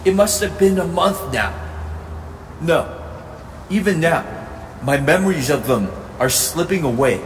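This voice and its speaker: Man voicing a high-pitched, emotional young hero cat. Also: expressive, unhurried, long pauses, echoey room, in a large hall, distant mic, slight background noise. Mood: wistful. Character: young male hero cat, earnest, emotional, self-doubting. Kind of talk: animated web series dialogue. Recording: music behind the voice.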